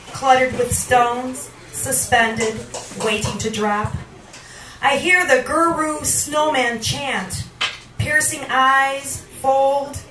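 Her voice is high, pushed and bright as this middle-aged poet performs her featured reading indoors at a small wood-paneled bar, holding a handheld mic. She delivers the lines with theatrical, measured pacing and pauses, sometimes drifting into a sing-song cadence. The camera sits across the room, so the live sound is distant and reverberant, with background noise.

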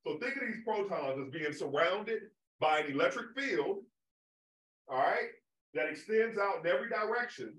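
A man lectures the public on astronomy in an observatory lecture room, keeping it conversational and regularly asking "right?". His high-sitting voice is expressive and fairly bright at a normal pace, captured as roomy, distant hall audio.

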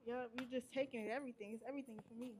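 A woman from the Bay Area, a contestant giving short, soft-spoken answers. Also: on the high side, fairly even intonation, racing, slightly rough.

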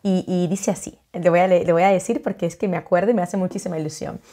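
A middle-aged woman from the Dominican Republic, an author who talks warmly and chattily into a webcam at home, with many fillers and restarts. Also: fairly low pitch, fairly even intonation, fast. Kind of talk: casual video greeting. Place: home living room, indoors.

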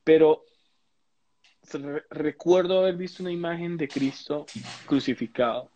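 A man's voice: a little high, moderate pace, warm tone, a little hiss or hum, poor audio. A man gives a personal testimony in a live interview. He talks reflectively, searching for words and often restarting. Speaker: interview guest.

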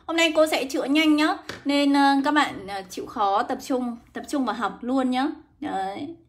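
A young woman teaching English in a live online lesson, brisk and coaxing, greeting viewers by name. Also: high voice. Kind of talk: livestream lesson.

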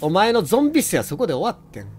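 A young man with a Kansai accent commenting on his gameplay, who gets excited and yells and taunts at enemies. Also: high voice, rapid-fire, faint music behind. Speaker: let's play commentator.

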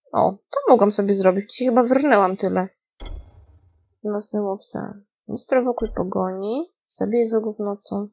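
A woman's voice: mid-range voice, vocal fry, a little mellow, slightly rough, highs cut off. A woman casually commenting while playing a game, talking to herself and swearing and yelping when scared. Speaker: gaming streamer. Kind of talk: casual let's-play commentary.

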